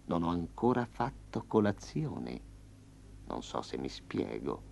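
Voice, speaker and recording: A man's voice: very animated, gravelly, darkish tone, exaggerated voice. A man doing a sly purring storybook tiger. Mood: smug. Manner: low purring growl, slow and drawn out. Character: smug hungry male tiger, sly and menacing. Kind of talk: storybook reading. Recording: slightly dull lo-fi.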